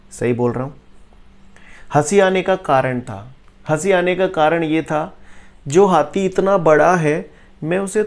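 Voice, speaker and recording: A man teaching a physics class in a jokey, teasing way, who keeps checking "clear?" his students. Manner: jokey, keeps asking "clear?" and "bolo bhaiya"; swings from low explaining to loud excited teasing. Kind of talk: classroom lecture.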